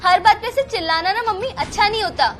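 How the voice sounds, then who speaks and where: A woman's voice: very high-pitched, fast, a little hiss or hum. A woman as a pleading daughter reasoning with her mother. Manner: pleading, reasoning, gently scolding. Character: married daughter defending her sister-in-law. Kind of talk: family drama acting.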